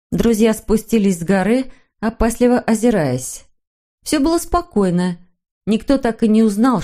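A woman reading a children's storybook aloud as narrator, in an expressive, even manner. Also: mid-range voice.

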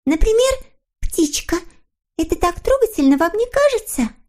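A woman's voice: very high-pitched, big pitch swings, normal speed, a little mellow, pitched above the performer's own voice. A woman voicing a dainty, girlish young female creature in a storybook reading, gushing and sentimental.

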